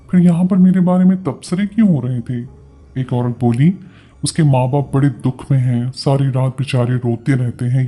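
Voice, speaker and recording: A man with a Pakistani Urdu accent reading a first-person story in a steady, earnest way. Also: fairly high pitch, breathy edge.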